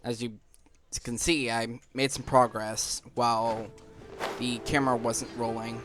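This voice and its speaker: A gaming video host offers casual commentary on his gameplay, rambling and thinking aloud in a mid-range voice that stays fairly flat and unhurried. Video game music plays behind him.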